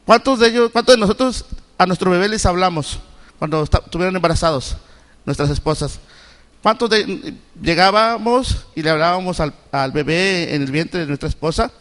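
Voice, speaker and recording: A middle-aged man from Mexico preaching in church, his voice pitched high above most men's. He keeps putting questions to the congregation, breaking off and starting his sentences again. A long reverb from the church hangs on every word. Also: a bit bright. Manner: asks the congregation repeated questions; halting, with many restarts. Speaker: Sunday school preacher. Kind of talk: sermon. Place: church sanctuary.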